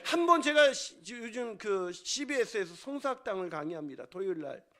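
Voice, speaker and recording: A male pastor preaching a sermon, telling a comic story with loud exclamations and hushed whispers. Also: high voice, sing-song, normal speed.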